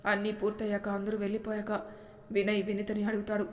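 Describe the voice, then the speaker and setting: Woman, storyteller, flat steady narration, mid pitch, echoey room. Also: quick pace.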